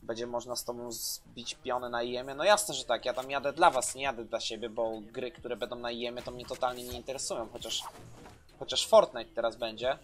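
A man in his twenties streaming a game live, loud and excitable, swearing and throwing in English phrases, on a headset in a small room. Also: medium pitch, fairly quick. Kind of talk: live gameplay commentary.

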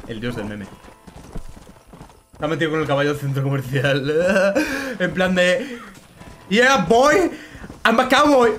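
A man streams a game, chatting and greeting viewers excitedly. His pitch jumps about in a lively way. A faint noise sits under the voice. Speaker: gaming streamer. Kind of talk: casual let's play commentary.

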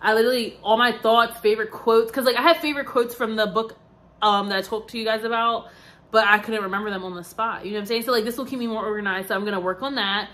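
Talking fast with fairly even intonation, this woman in her twenties has a slightly high, somewhat bright voice. She sounds drained yet keeps rambling to her viewers on camera, heavy on "like" and "um" and side comments.

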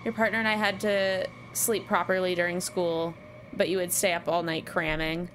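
Here a twentysomething woman streams a game from home, talking easily with her chat and poking fun at herself, her speech full of fillers. She speaks at a moderate pace in a lowish, fairly level voice that's a bit bright, with a little hiss or hum in the recording.

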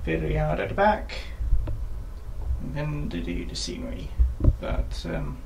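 While working on a bedroom model railway layout in a small room, a hobbyist vlogger narrates casually, self-deprecating and full of ums. A sore throat makes his slightly high voice croaky, and he speaks at a measured pace. The home camera recording is noisy.

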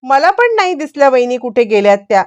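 A woman voicing a polite, soft-spoken young daughter-in-law with a soothing manner. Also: sits high, big pitch swings, fast talker, clean tone.

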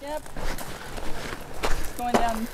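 A woman with a fairly high voice, heard from well off the mic as she tags along. Her short, matter-of-fact comments come through roomy and echoey with faint noise behind. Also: fairly even intonation, extremely slow, recorded from a distance. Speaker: exploring companion. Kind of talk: casual offhand remarks. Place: outdoors and inside a mine tunnel.

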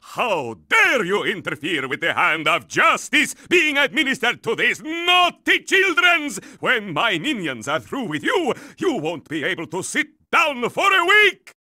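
A man's voice: high voice, wildly swooping pitch, a little slow, few pauses, dry recording, clean studio sound, full character voice. A man voicing a melodramatic vampire count villain for a cartoon video game, theatrical and bombastic. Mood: indignant, menacing. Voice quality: bright, forceful, theatrical. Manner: melodramatic, bombastic, broken grammar.

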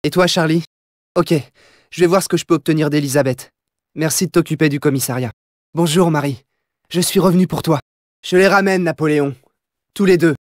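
A man's voice: on the high side, a little fast, pauses often, no room sound, studio quality, natural voice. An actor playing a plucky young male phantom thief in a French video game dub, cocky yet loyal, with a theatrical, showy delivery. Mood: determined. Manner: theatrical, showy, punchy catchphrases.

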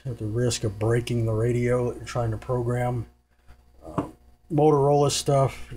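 At a table indoors, a man whose mid-range voice is a little mellow explains radio gear in a relaxed, hands-on way. He rambles without a script, keeping it informal and matter-of-fact. The home recording carries clear noise and hum.

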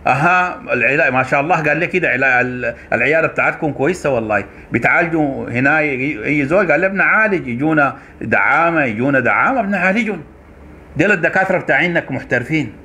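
A man with a Sudanese Arabic accent rants at a rapid clip, his voice bright and cutting with a somewhat raised pitch. He is fiery and accusatory, driving each point home by repeating it. It is the delivery of a commentator addressing his audience directly. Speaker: online commentator. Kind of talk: political rant to camera.

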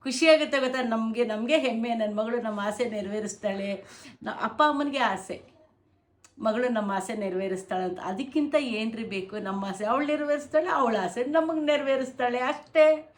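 A woman's voice: on the high side, normal speed, echoey room. A middle-aged woman with a Kannada accent, a mother talking emotionally to her daughter and to viewers, pleading and scolding in turn. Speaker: mother of a vlogger. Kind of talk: emotional family talk.

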